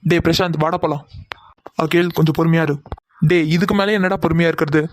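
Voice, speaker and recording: A man voicing several young men in a Tamil cartoon drama, talking quickly and heatedly as they bicker. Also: fairly high pitch, fairly even intonation. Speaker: voice actor for several male cartoon characters.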